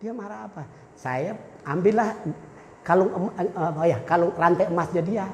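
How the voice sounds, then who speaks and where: A man preaching a sermon in a church, telling lively stories full of acted-out dialogue and jokes. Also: sits high, normal speed, echoey room, big-room sound, a little hiss or hum. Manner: animated storytelling, acting out dialogue and jokes. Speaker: pastor.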